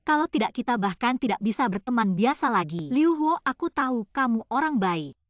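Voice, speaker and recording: A woman's voice: fairly high pitch, very animated, a little fast, no echo. An emotional, confused young woman. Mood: pleading. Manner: pleading, emotional. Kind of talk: dubbed TV drama dialogue. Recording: dull lo-fi dubbing, dry.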